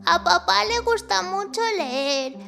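A woman voicing a small, earnest young male penguin with a squeaky child-like voice in a children's story. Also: animated, takes it slowly, creaky, sharp tone, faint music behind, heavily acted. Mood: thoughtful, eager. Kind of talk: children's audio story acting.

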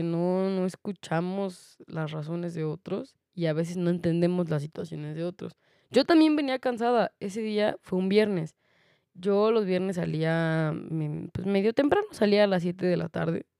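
A woman's voice: lowish voice, lively intonation, measured pace, creaky, mellow, smooth, dry recording, clean studio sound. A young woman with a Mexican accent telling a personal story in a chatty way, often laughing and using many fillers. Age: young adult. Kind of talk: casual storytelling monologue.

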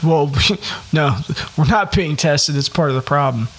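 A man's voice: on the high side, unhurried. A man co-hosting a casual podcast, talking in a rambling, thoughtful way with a playful side. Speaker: podcast co-host.

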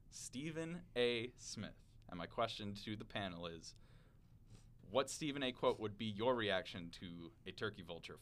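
A man's voice: fairly low pitch, fairly bright tone. A young man hosting a casual student podcast, reading news briefs with chatty hesitant fillers. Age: young adult. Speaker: podcast host.

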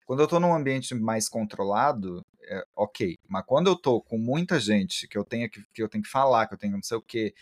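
Dry-voiced, halting male guest. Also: lowish voice, expressive, no echo. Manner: halting, many restarts, self-described shy. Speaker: interview guest, book content creator. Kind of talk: casual interview chat.

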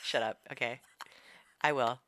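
A woman's voice: rumbling low, steady tone, unhurried, fairly bright tone. A woman co-hosting a podcast in casual comedic chat, playful, jokey and informal. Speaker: podcast co-host.

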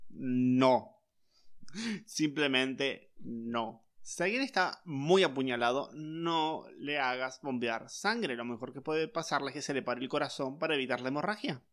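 A man, chatting casually about a series, wry and quick to agree. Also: medium pitch, a bit bright. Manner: wry, chiming in with quick agreeing asides and laughs. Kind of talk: casual chat recapping a series.

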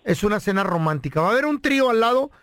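High-voiced radio host, dry studio. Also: male voice, big pitch swings, rapid-fire, a bit bright, no echo. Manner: polite salesman patter, then slangy joking. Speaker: radio prank show host. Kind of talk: radio prank call and studio banter.

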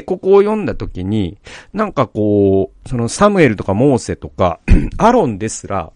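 A man's voice: on the high side, darkish tone, no room sound, studio quality. A man hosting a podcast, telling a rambling personal story with many fillers before turning to reflection on the Bible. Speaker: podcast host. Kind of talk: casual monologue leading into Bible reflection.

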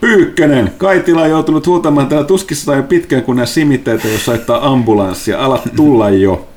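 A man's voice: medium pitch, darkish tone, slight background noise, natural voice. A man voicing an urgent soaked adventurer.

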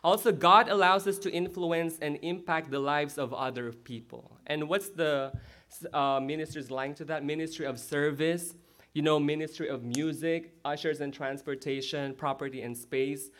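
A male pastor giving a lively sermon in a church and checking in with the crowd as he goes. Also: on the high side, moderate pace.

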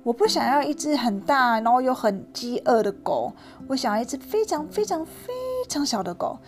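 A woman voicing an eager little child who pleads for a dog, bouncy and bright. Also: high voice, animated, normal speed, pitched above the performer's own voice. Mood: pleading.

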